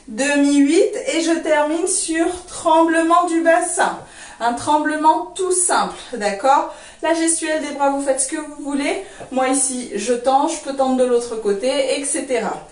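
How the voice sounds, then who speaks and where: A woman teaching a belly dance routine, calling out moves and counts as she demonstrates, checking in reassuringly with her students. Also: high-pitched. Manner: counts steps and names moves while demonstrating; reassuring, often asks "d'accord?". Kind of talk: online belly dance class. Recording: roomy, far from the mic.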